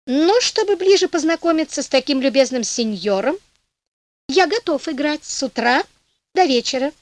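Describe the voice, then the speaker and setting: Cheeky young storybook hero, wry and bossy, high lively voice, read by a woman. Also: moderate pace, dry recording. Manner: mock-modest, then commanding. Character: clever, cheeky young man, bold.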